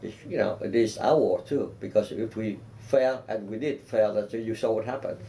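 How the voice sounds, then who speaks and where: An older man from South Vietnam speaks in a low, mellow voice with a Vietnamese accent. He answers interview questions in a measured, earnest way, often restarting phrases with "you know." A faint hiss sits under the office recording. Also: gravelly, rough recording. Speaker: oral history interviewee. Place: office with bookshelf and plant. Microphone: seated, framed mid-shot by a camera.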